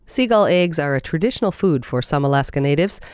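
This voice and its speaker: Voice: mid-range voice, expressive, brisk, smooth, no room sound, studio quality. A news anchor reading a scripted lead-in in a composed, formal way.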